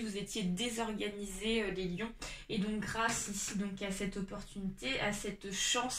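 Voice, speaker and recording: A woman with a congested, stuffy nose from a cold gives a casual tarot reading to viewers, speaking haltingly and repeating her phrases. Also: medium pitch, fairly bright tone. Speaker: tarot reader. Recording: roomy echo, distant mic, light noise.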